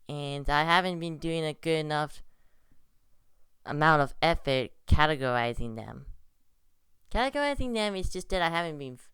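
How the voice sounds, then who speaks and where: A woman's voice: low-pitched, fairly bright tone, clean tone, no echo, studio quality. A young woman vlogging at home, rambling casually and hesitantly with many restarts. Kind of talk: casual vlog monologue. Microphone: computer recording.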